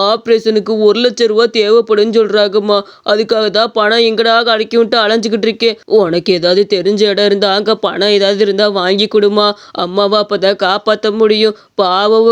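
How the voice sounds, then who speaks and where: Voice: mid-range voice, clear, resonant tone, close to an everyday voice. A voice actor with a Tamil accent playing a worried older father in a cartoon story, weary and pleading.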